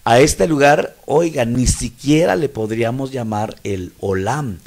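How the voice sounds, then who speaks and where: Man, Mexican Spanish accent, pastor, gravelly, Bible study teaching, asks if people follow. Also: mid-range voice, a little slow, a little mellow. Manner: explanatory, asks listeners if they follow.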